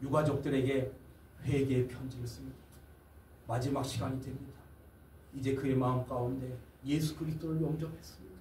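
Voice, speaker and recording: A man's voice: mid-range voice, level tone, a little fast, warm tone, a little hiss or hum. Man, pastor, dramatic sermon, echoey hall, far from mic. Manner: dramatic storytelling, acts out quotes. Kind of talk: sermon storytelling.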